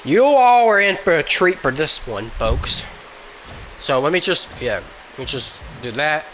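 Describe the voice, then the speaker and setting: A man's voice: on the high side, expressive, a little slow, fairly bright tone, a little hiss or hum, poor audio. A man complaining at length about a buggy video game, exasperated and repeating himself as he pleads for fixes. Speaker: gaming YouTuber. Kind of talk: frustrated game rant.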